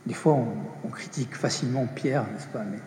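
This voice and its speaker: Male preacher with a mellow, measured delivery and an echoey hall sound. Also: medium pitch, a little hiss or hum. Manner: slow, measured, dropping soft on quoted words. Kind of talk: sermon. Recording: echoey hall with long reverb.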